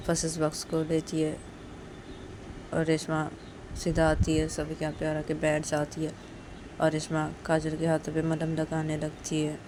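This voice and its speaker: A woman telling a serialized love story in casual spoken narration, with quiet linking lines between characters. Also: low-pitched, background noise.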